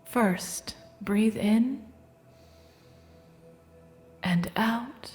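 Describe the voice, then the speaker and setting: A warm, serene earth goddess acted by a woman speaks very slowly over soft music. She is motherly and soothing, guiding the listener through a meditative audio drama with gentle, breathy calm. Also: on the high side. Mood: serene, nurturing. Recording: music bed behind the voice.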